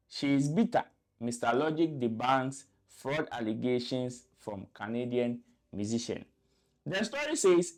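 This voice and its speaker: A man's voice: a little high, darkish tone. Man reading out a news story. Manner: explanatory, with fillers and restarts. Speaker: news commentary host.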